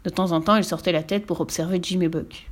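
A woman narrating a children's storybook in a calm, steady way. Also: fairly low pitch, a little fast. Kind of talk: storybook reading.

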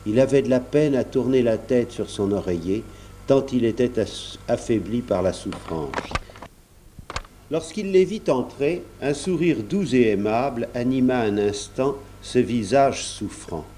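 A man narrating a storybook in a steady, measured way. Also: medium pitch, a little hiss or hum.

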